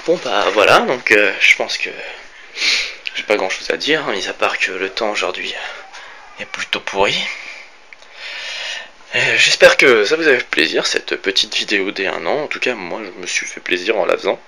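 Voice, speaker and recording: Low-voiced young man touring his bedroom. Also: animated, normal speed, long pauses, sharp tone, poor audio. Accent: French, Orléans area. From France. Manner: rambling, many fillers and self-corrections. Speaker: YouTuber showing his room and gear. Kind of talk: casual room-tour vlog. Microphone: phone camera held by hand. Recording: faint background hiss from cheap phone.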